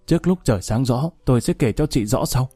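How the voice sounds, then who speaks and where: A man's voice: medium pitch, expressive, brisk, mellow, breathy edge, no room sound, soft background music. A man voicing an old henchman, urgent and pleading.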